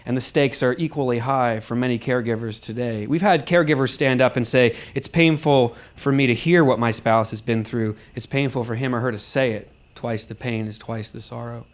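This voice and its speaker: Hosting a live panel discussion after a performance, a man moderates the audience conversation before the crowd at the venue. His mid-range voice moves briskly with hardly any pauses, and he repeats words as he works out his thoughts.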